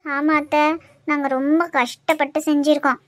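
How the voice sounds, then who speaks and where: An eager young cartoon daughter-in-law, as a woman voices her, coaxing and excited in a Kanyakumari Tamil accent. Her voice sits very high, and the sound is dry. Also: moderate pace, no room sound, lightly acted.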